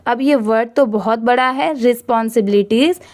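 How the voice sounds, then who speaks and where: A woman's voice: on the high side, moderate pace, darkish tone. A woman teaching English reading who spells words letter by letter and then blends them, explaining patiently and with encouragement. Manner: patient, encouraging explanations with many rhetorical questions.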